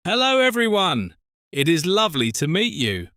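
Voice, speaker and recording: A British man in his forties co-hosting an English lesson podcast, speaking slowly and clearly for learners. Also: high voice, huge pitch swings, bright, forceful tone, no room sound, studio quality. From Britain. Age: 40s. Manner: slow, careful, spells out words. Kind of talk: slow scripted teaching talk.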